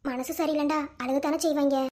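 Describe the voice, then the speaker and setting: Actress as a very high-voiced proud young woman collector, lovesick. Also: fairly even intonation, close to an everyday voice. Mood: confiding. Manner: bossy with family, soft and halting when confessing. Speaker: district collector in love. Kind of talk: television drama acting.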